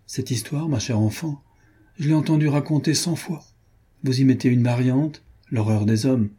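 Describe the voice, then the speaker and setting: Unflappable young gentleman, grave and measured, read by a man, dark voice. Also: mid-range voice, slightly rough, lightly acted. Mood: calm. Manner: calm, grave, nearly solemn. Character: calm, composed young gentleman. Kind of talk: audiobook character reading.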